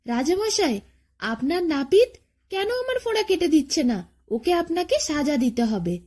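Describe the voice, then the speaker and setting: Cartoon storybook tailorbird, small and stubborn, high and bouncy, voiced by a woman. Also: big pitch swings, normal speed, darkish tone. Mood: demanding.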